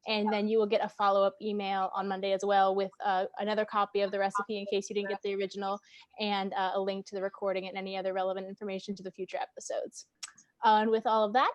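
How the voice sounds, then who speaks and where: A woman's voice: mid-range voice, a little mellow, no echo. A woman moderating an online event, giving organized announcements in a friendly way with filler ums. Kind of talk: announcements on a video call.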